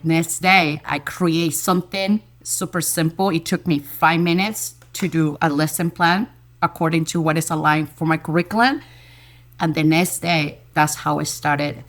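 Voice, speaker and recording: A woman elementary school teacher, a guest in an interview, telling a story in a lively, enthusiastic way and repeating words as she goes. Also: sits low, unhurried. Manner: lively storyteller who acts out quoted dialogue.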